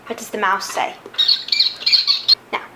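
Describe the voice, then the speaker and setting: Slow, patient woman quizzing a toddler. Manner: patient, repetitive questions with praise. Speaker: parent quizzing a young child. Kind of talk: asking a toddler animal sounds. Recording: loud background noise.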